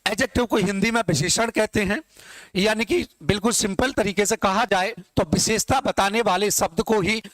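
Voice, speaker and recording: High-voiced teacher drilling grammar slowly. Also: male voice, fairly bright tone, dry recording. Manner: repetitive call-and-response questioning, addressing students as dear children; dictates example sentences slowly, word by word. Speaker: English teacher. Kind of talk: classroom grammar lesson in Hindi.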